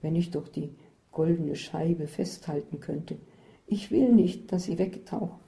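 A woman carefully reads aloud a first-person story, measured and descriptive. Her voice is fairly low, very mellow and dark, with some creakiness.

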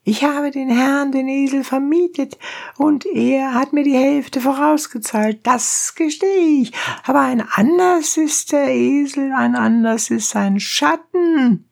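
A woman voicing a loud, indignant male donkey driver who shouts his case before a judge in a storybook reading. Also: high voice, slow pace, vocal fry, pitched above the performer's own voice, heavily acted. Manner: shouting, pleading.

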